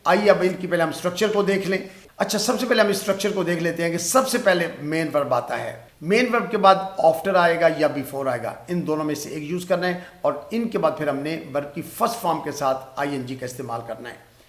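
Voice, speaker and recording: A man with a Pakistani accent teaching an English lesson, explaining step by step and repeating example sentences slowly. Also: fairly high pitch. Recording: echoey room.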